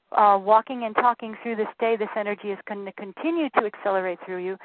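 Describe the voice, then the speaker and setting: A woman leading a spiritual session, giving soft, brisk instructions to the participants. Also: mid-range voice, no room sound. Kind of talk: guided meditation instructions. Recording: tinny phone-line sound, dry.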